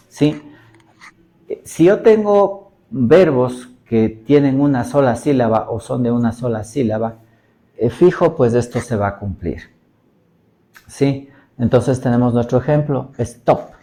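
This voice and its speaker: Guy teaching a video lesson, warm low-key voice, keeps asking "right?" to check in. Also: rough recording. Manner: patient, repeats "¿no es cierto?" and "¿no?" to check understanding; sounds out English example words slowly. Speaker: English teacher.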